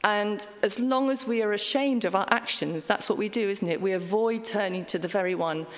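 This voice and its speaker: A woman's voice: medium pitch, moderate pace, a little hiss or hum. A middle-aged woman giving a conversational sermon, chatty and self-deprecating with frequent ums and asides. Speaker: preacher. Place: church hall. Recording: long hall reverb.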